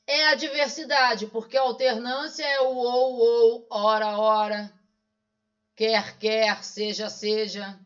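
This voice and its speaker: Very high-voiced Brazilian man teaching. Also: flat delivery, takes it slowly, fairly bright tone. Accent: Brazilian Portuguese. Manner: didactic, asks and answers his own questions. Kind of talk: online exam-solving lesson. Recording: dull lo-fi sound.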